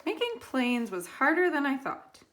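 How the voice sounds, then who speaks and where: A woman, a teacher, reading a children's picture book aloud with expressive, deliberate phrasing and dramatic pauses. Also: high voice, a little hiss or hum.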